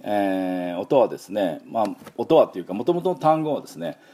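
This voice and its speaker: A man's voice: on the low side, big pitch swings, normal speed, warm tone. A middle-aged man giving a casual spoken pronunciation lesson, chatty and full of fillers, repeating sounds for the listener to copy. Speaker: English pronunciation teacher.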